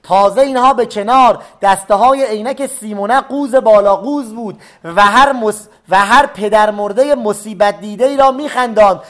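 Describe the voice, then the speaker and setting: A man reading a memoir story aloud, pausing to explain old words in plain everyday speech. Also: high voice, a bit bright.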